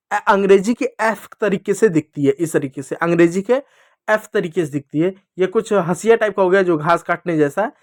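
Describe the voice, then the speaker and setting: Man, high voice, dry close sound, patient children's teacher, repeats slowly. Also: no room sound. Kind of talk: Hindi lesson for children.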